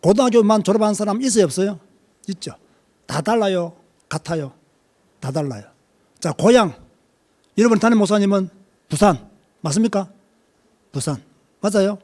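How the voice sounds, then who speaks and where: Lively Korean preacher. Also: male voice, sits high, moderate pace, long pauses. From Korea, Busan. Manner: lively preaching, questions to the congregation. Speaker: pastor. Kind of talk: sermon.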